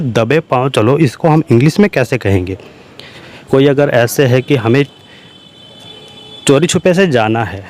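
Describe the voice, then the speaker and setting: A man teaching everyday English sentences with explanations in Hindi, repeating each English phrase slowly. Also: medium pitch, darkish tone. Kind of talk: slow spoken language lesson.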